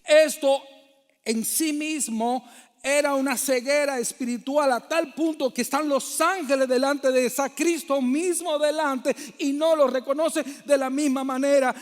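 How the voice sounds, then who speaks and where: High-voiced man preaching in a reverberant hall. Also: fairly even intonation, unhurried. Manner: addresses listeners as brother, rhetorical questions. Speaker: pastor. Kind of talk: sermon. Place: church hall.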